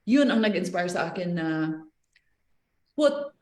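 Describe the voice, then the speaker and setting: A middle-aged woman with a Filipino accent, an interview guest telling her story in a lively, casual way, mixing languages mid-sentence. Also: mid-range voice, a little slow. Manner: animated, switches between Tagalog and English mid-sentence. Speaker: interview guest, marathon runner. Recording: echoey room.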